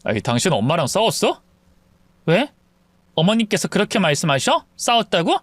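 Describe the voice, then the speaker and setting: A soft-spoken husband, coaxing and apologetic as he smooths things over, played by a man in his own fairly high voice that still moves a lot in pitch. The sound is close and dry. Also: huge pitch swings, moderate pace, no room sound, exaggerated voice. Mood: placating. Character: placating husband caught between wife and mother.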